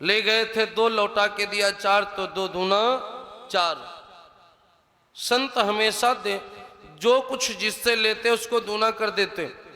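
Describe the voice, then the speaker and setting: A man telling a devotional scripture story as a sermon, slow and explanatory, repeating key points for his listeners. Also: high-pitched, steady tone, sharp tone. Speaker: religious storyteller. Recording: echoey hall with music behind.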